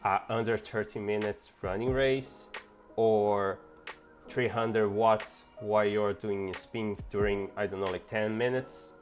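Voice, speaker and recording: A young man from Brazil speaks English with a Brazilian Portuguese accent, at a slow, unhurried pace and in a somewhat low voice. He tells his story casually and reflectively, pausing and restarting his sentences. Soft music plays faintly underneath. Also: steady tone. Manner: reflective, with frequent restarts and hesitations. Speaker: fitness vlogger.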